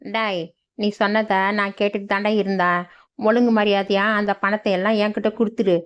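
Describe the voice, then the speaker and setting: A woman's voice: mid-range voice, flat delivery, a little fast, smooth, lightly acted. A woman voicing a greedy, cheating village man in a cartoon, with a threatening, demanding manner. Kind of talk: cartoon voice acting. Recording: dull lo-fi sound.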